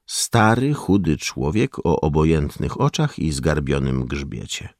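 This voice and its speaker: Deep, slow male storyteller. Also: big pitch swings, darkish tone, dry recording, studio quality. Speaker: audiobook narrator. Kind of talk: scripted narration.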